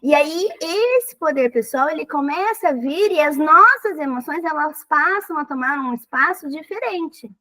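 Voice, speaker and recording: High-voiced expressive Brazilian-podcast woman. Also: normal speed, few pauses, rough recording. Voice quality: thin high voice. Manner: animated and expressive, acts out little quotes. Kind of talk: casual conversational advice.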